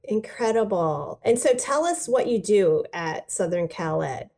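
A woman's voice: medium pitch, lively intonation, a little slow, vocal fry, mellow. A woman hosting an interview, chatty and enthusiastic, affirming her guest often. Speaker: interview host. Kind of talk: casual interview conversation.

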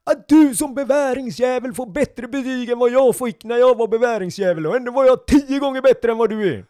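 A man's voice: very high-pitched, darkish tone, no room sound, studio quality, pitched above the performer's own voice. A man putting on the voice of a ferocious army captain who barks short orders. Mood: furious barking.

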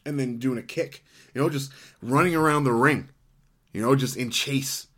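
A man in the middle of a loose podcast chat, walking through an old wrestling episode match by match. He rambles, trips over names, swears and laughs along the way. His voice sits at an ordinary pitch for a man. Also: normal speed, fairly bright tone. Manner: rambling, profane, laughs often, frequent fillers. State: hiccuping. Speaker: podcast co-host. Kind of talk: casual wrestling recap chat.

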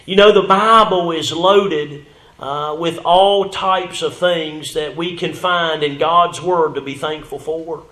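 A man's voice: on the high side, fairly even intonation, slow pace, pushed and bright. A man preaching a sermon as pastor, peppering his talk with amens and hallelujahs. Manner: reads scripture in old-fashioned wording. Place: church sanctuary. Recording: echoey church room.

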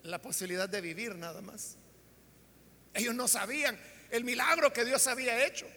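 A man preaching a sermon, retelling a story dramatically and shouting out the characters' lines. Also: extremely high pitch, normal speed, long reverb tail.

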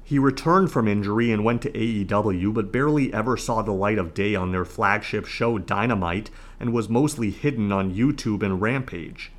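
A man hosting a podcast, giving scripted solo commentary in a measured, announcer-like way. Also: fairly low pitch. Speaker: podcast host.

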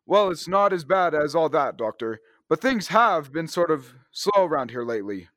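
An excited, eager young adult man speaks at a moderate pace in a sing-song voice that's on the high side and a bit bright. He's doing 1930s radio serial acting as an adventurous space hero, earnest and packed with gee-whiz enthusiasm.

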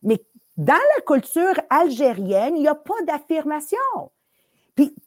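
A middle-aged woman telling animated anecdotes on a talk show, often dropping English words into her French. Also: high voice, unhurried. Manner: lively storyteller, mixing English words into French.

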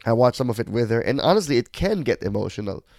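A man's voice: mid-range voice, big pitch swings, quick pace, a little mellow, dry recording. Guy talking on his podcast, candid and self-deprecating, dry close mic. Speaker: podcast host. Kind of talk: reflective podcast monologue.

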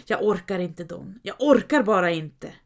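A woman's voice: medium pitch, animated, creaky. A woman reading a storybook, voicing the fearful, tired sidekick Sancho Panza with a whiny, pleading voice. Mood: exhausted.

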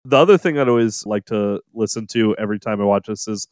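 A man's voice: lowish voice, quick pace, darkish tone, dry recording, clean studio sound. A man co-hosting a podcast, chatting enthusiastically about a film and laughing often. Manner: enthusiastic, laughs often, quotes movie lines. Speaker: podcast co-host. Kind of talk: casual chat.

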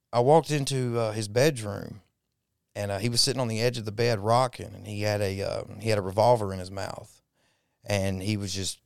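A man, likely in his thirties, telling his life story as an interview guest in a halting, reflective way with frequent pauses. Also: on the low side, creaky, smooth, no echo, clean studio sound. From Texas, raised in Mississippi. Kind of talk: personal testimony interview.

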